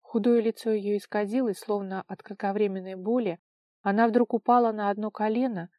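A woman's voice: mid-range voice, a little fast, no room sound, muffled recording. Woman narrating an audiobook. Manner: expressive, dramatic storytelling. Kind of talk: audiobook reading.

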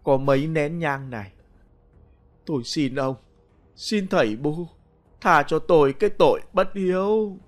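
A man's voice: a little high, a little slow, long pauses, natural voice. A man voicing a grieving old village widow who pleads through sobs. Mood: remorseful.

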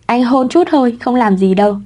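A woman's voice: on the high side, animated, brisk, warm tone. Woman reading as a playful clingy young husband. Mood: teasing.

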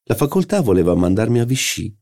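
A prim middle-aged doctor's wife, as a male reader puts her on, in an audiobook. The voice is pushed very high with a grainy edge. She chatters primly about her family. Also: very animated, fast, darkish tone.

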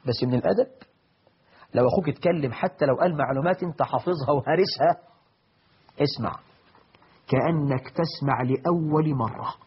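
A husky, fairly high-pitched man preaching with an Egyptian Arabic accent, moving between slow, solemn quoted verses and quick colloquial asides. The recording is dull and lo-fi. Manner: animated, mixes classical quotes with colloquial asides. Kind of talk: Islamic sermon. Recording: dull lo-fi audio.

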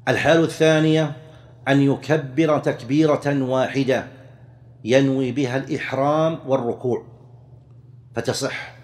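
A man teaching Islamic jurisprudence, methodically enumerating rulings and slowly drawing out the phrases he quotes. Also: medium pitch, a little mellow. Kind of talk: explaining a fiqh text lesson.

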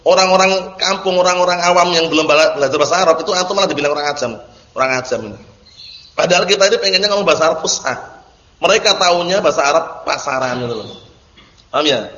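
A man's voice: a little high, fast talker, pushed and bright. Man teaching grammar in an echoey hall. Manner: explains terms, checks understanding often. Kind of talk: classroom lecture. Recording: dull lo-fi recording in echoey hall.

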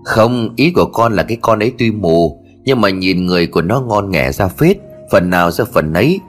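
A man voicing a sly, fawning male servant who keeps flattering his master in a storybook tale. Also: lowish voice, moderate pace, faint music behind. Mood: wheedling. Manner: wheedling, deferential.

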